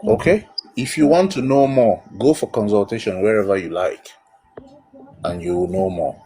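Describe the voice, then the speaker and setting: Blunt, husky man teaching. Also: on the low side, expressive, normal speed, warm tone, low-quality recording. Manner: emphatic, blunt, instructive. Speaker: spiritual teacher hosting a live call-in. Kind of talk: spiritual counselling talk.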